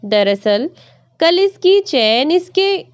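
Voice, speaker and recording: A woman's voice: high voice, very animated, drawn-out words, no echo, muffled recording, heavily acted. A woman voicing a frightened elderly mother-in-law who pleads her innocence. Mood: fearful, pleading. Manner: pleading, trembling.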